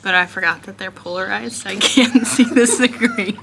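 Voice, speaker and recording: A woman's voice: mid-range voice, moderate pace, creaky, crowd noise, rough recording. A young adult woman telling a travel story to her own camera in a casual vlog. She rambles and laughs a lot, and fills her talk with "like". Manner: chatty, rambling, peppered with "like" and laughter. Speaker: vlogger. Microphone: self-facing camera.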